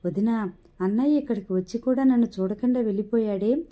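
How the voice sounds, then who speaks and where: A woman's voice: fairly high pitch, a little fast, close to an everyday voice. A woman voicing an earnest young woman who talks in a pleading way. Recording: dull lo-fi recording.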